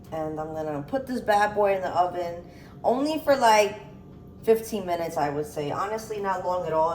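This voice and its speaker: A woman's voice: fairly low pitch, echoey room, a little hiss or hum, poor audio. A woman in her thirties chatting casually as she cooks in a home kitchen, swearing freely and talking candidly. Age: 30s. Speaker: cooking vlogger. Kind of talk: casual cooking chat.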